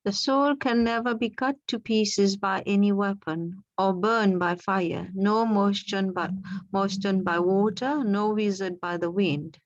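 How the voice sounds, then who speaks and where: A woman from Mauritius with a Mauritian accent, reading scripture in a measured way over a laptop call. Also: mid-range voice, steady tone, no echo, muffled recording. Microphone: laptop on an online call.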